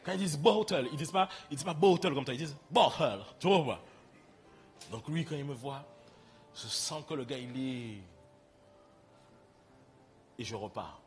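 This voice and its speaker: A man's voice: mid-range voice, lively intonation, moderate pace, long pauses. A young man with a French Caribbean accent, preaching a sermon and telling his own story directly to the congregation in a conversational way. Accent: French Caribbean (Antillean). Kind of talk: sermon with personal testimony.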